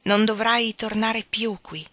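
A woman's voice: fairly high pitch, flat delivery, takes it slowly, fairly bright tone, no room sound. A woman reading aloud as a composed but torn young woman, firm and earnest. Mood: resolute. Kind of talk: audiobook reading.

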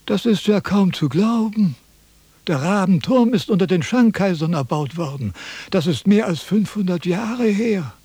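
A vain, self-important philosopher in a 1970s radio play who lectures and flares up easily. His voice is higher than most men's, husky and mellow, and it swings widely in pitch. The recording is dry and close. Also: expressive, a little slow, no echo, exaggerated voice. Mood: lecturing. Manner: pompous, lecturing, easily indignant. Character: vain, pompous old male Chinese philosopher. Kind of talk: 1970s radio drama acting.

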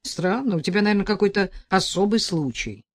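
A woman voicing a rude, bossy male thug who talks slowly and loudly in gruff threats. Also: medium pitch, lively intonation, no room sound, clean studio sound, natural voice. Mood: weary, grumbling.

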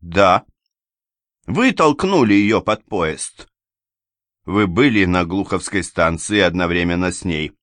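A stern provincial investigator presses his accusations with firm, controlled insistence, played by a man. His voice is very low and the sound is dry and close. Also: lively intonation, slow, long pauses, a bit bright, no room sound, full character voice. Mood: accusing.

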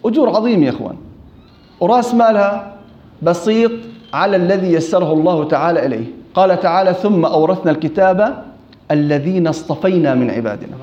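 A man with a Levantine Arabic accent giving an informal lesson on Quran recitation, reciting verses slowly and correcting common mistakes with questions to his listeners. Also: on the high side, a little mellow. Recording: echoey, dull lo-fi room recording.

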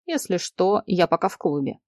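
A woman voicing a guarded, brooding young man in an audiobook, speaking in a quiet, clipped way with her voice pitched lower than her narration. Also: very animated, normal speed, no room sound, clean studio sound. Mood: cool. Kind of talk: audiobook character reading.

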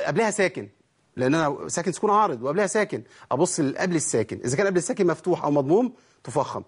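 A man with an Egyptian accent gives a rapid tajweed lesson, constantly quizzing his listeners. His voice is somewhat husky and sits a bit high, and he talks at a very brisk clip. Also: a little mellow. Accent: Egyptian Arabic. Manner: quizzing listeners with rhetorical questions. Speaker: Quran recitation teacher.

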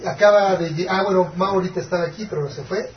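A man hosting a relaxed live-stream chat, joking with his co-hosts. His voice has a heavy hollow echo, as if he were shouting into a canyon. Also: sits high, fast talker. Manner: joking, easygoing, teasing co-hosts. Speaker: host. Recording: echoey, distant, dull lo-fi stream with background hiss.

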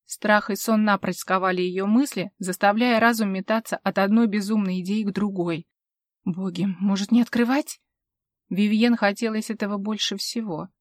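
A woman narrates a dark fantasy audiobook with an expressive, dramatic delivery. Her voice sits at an everyday pitch and sounds dry and close. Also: normal speed, hardly any pauses, dry recording. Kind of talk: scripted narration.

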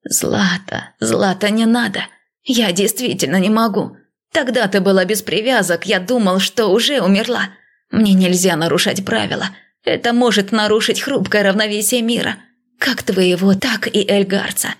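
A woman voicing a gentle, cautious male god who speaks in a soft, hesitant, reassuring way. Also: mid-range voice, normal speed, close to an everyday voice.

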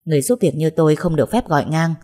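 Woman reading as a polite housemaid, low voice, mellow, deferential, middle-aged, audio story. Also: rapid-fire.

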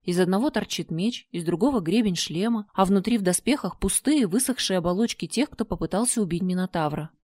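A woman reading a first-person story aloud, with expressive storytelling. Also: medium pitch, fairly quick, hardly any pauses, dry recording, studio quality. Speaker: narrator. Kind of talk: first-person audiobook narration.

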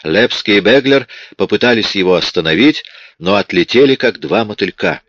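Male audiobook narrator, deep voice, dry, dull lo-fi sound, steady crime-novel reading. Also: normal speed, dry recording.

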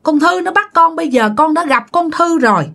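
A young woman's ghost sobs out her apology in a high, strained wail, her pitch leaping as she begs , as a woman narrator puts her on. She sounds remorseful and in pain, in a storytelling voice. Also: lively intonation, fairly quick, gravelly, fairly bright tone, heavily acted. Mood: sobbing, pleading. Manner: tearful wailing pleas.

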